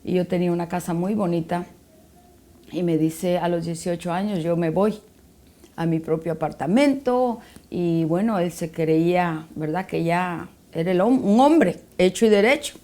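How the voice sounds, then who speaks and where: A woman's voice: on the low side, steady tone, normal speed, warm tone. A middle-aged woman giving a personal faith testimony as a guest, telling a story and acting out the dialogue.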